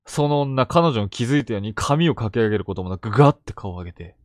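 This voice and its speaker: A man narrates true ghost stories in a hushed, suspenseful way. His pitch swings widely as he builds dread. The sound is dry and close, with no room around it. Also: expressive, fast, no echo. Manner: hushed, suspenseful storytelling with sudden vivid quotes.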